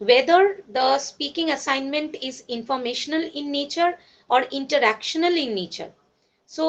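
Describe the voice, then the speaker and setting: A woman college lecturer with a Bengali accent, teaching a class in a mix of Bengali and English, with many fillers and self-corrections. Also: sits high.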